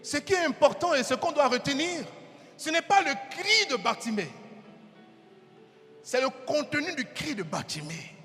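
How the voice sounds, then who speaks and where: A man preaching a sermon in a fervent, shouting style with dramatic repetition. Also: extremely high pitch, big pitch swings, normal speed, long pauses. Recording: reverberant hall with faint music.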